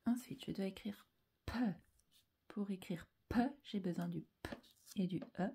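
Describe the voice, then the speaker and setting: A woman teaching a slow spelling dictation to young children, calm and deliberate, repeating each syllable and often dropping into a whisper. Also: mid-range voice, creaky, a little hiss or hum.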